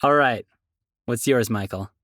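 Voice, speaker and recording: Mid-pitched man, jokey podcast host, dry close mic. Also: measured pace, a bit bright, no room sound. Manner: playful, upbeat, jokey. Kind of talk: casual chat.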